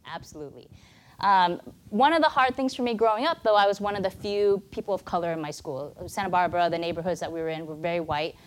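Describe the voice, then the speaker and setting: Talking fast in a fairly low voice, an American woman in her thirties and a native Mandarin speaker tells her own story to a church congregation as a guest speaker, earnest and conversational. The recording has a little hiss or hum.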